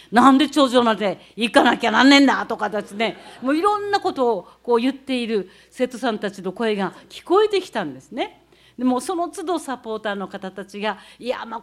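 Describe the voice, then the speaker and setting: A woman from the Tohoku region gives a talk, explaining practical techniques one step at a time as she demonstrates. Her voice sits a little high for a woman, and her delivery stays explanatory and methodical. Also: a little mellow. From Tohoku, Japan. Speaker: speaker recounting leading a student climb.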